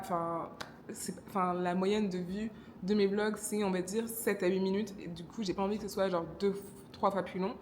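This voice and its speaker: A woman's voice: medium pitch, slight background noise. A young woman from Congo with a Congolese French accent, chatting casually in her vlog, often correcting herself and laughing at herself. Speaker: vlogger.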